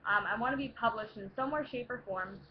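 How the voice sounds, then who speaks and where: A woman's voice: a little high, fast talker. A young woman chatting casually to viewers in a tipsy, rowdy, playful, rambling way as she answers questions. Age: young adult. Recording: dull lo-fi home recording, faint noise.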